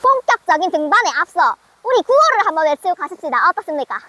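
A woman's voice: very high voice, big pitch swings, fast talker, sharp tone, no room sound. A young woman vlogging on a mountain trail outdoors, narrating in a playful mock-TV announcer style. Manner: teasing, announcer-like delivery.

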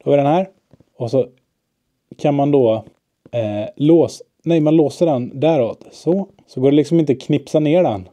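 A man's voice: on the high side, mellow, highs cut off. A young man in a casual solo vlog, rambling and mixing in English phrases, filmed on a handheld camera indoors. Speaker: vlogger. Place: basement and workplace, indoors.

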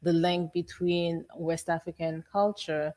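A middle-aged woman from Haiti, an exhibition curator, speaking in a measured, reflective way on a panel in a gallery. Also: on the low side, flat delivery, mellow. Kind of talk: panel discussion. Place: art gallery room, indoors.

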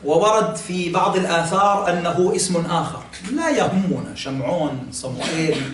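A man teaching a classroom religious lesson, explaining patiently, quizzing listeners and pausing on fillers. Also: high-pitched, animated, a bit bright, slight background noise. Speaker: sheikh teaching Quran exegesis. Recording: echoey room, mic at a distance, faint ambience.

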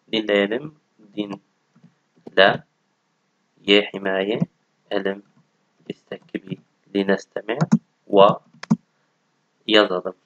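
A man's voice: lowish voice, a bit bright, no echo. A man, teaching a textbook language lesson and patiently repeating each word. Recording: dull, dry lo-fi audio.

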